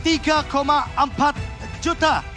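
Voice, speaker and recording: A man doing energetic, chatty esports caster analysis, mixing English gaming terms into his talk. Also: extremely high pitch, measured pace, music in the background.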